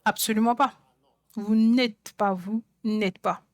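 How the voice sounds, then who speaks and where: A woman preaches a sermon in a fairly high voice. She drives her points home by repeating phrases again and again, and the sound is dry and close. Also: steady tone, takes it slowly, dry recording. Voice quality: songwriter speaking of her own songs. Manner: emphatic, repeats phrases for stress.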